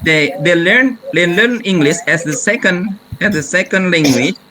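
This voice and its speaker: A man answering a question in class, halting with many restarts and fillers. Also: high-pitched, background noise. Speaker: presenter in a class discussion.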